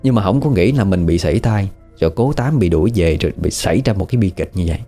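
A man with a Southern Vietnamese accent tells a spooky tale in a low, warm voice. He talks casually and turns to the listener with questions, over faint background music. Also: animated, fast talker. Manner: chatty, conversational, asks the listener questions. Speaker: storyteller. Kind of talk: casual spoken horror storytelling.

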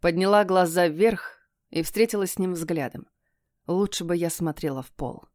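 A woman narrating a first-person fantasy audiobook in a hushed, tense storytelling manner. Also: lowish voice, normal speed, dry recording, clean studio sound.

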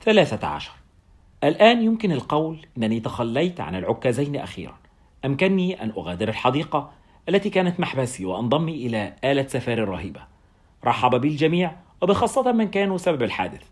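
A man narrating a first-person story as an audiobook, in a brisk and wry storytelling manner. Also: mid-range voice, very animated.

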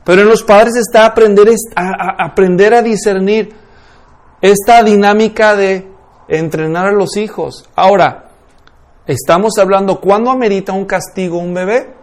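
High-voiced man teaching a church class. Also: normal speed. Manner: lively, rhetorical questions to audience.

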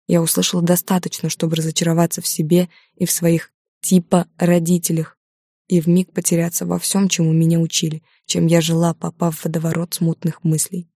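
Young female audiobook narrator, dark, mellow, flat delivery, emotional storytelling. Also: on the low side, brisk, no room sound, studio quality. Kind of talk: first-person audiobook narration.

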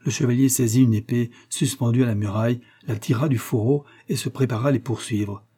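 A man reads a classic novella aloud in a measured, even way. His voice is dark and mellow, with a husky edge. The pitch sits in the middle range. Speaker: audiobook reader. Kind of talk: scripted narration of a classic novella.

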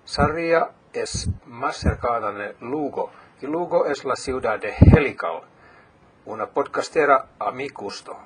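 A man's voice: mid-range voice, a little slow, very noisy. A middle-aged man from Finland, whose first language is Finnish, interviewing a guest in careful, slightly broken phrasing. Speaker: podcast host, interviewer. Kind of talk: casual interview.

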